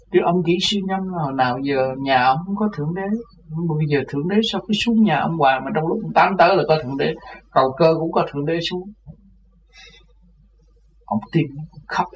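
A man telling a personal religious story in an animated way, often laughing. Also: a little high. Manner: animated, laughs often, voices others in his tale. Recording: lo-fi with faint background noise.

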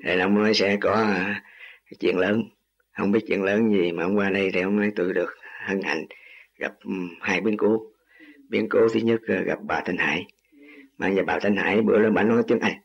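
An older man speaks formally and humbly, slipping in self-deprecating jokes. His voice is low and husky. The recording is dull and lo-fi. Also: steady tone, normal speed. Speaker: husband of a student. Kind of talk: formal respectful speech.

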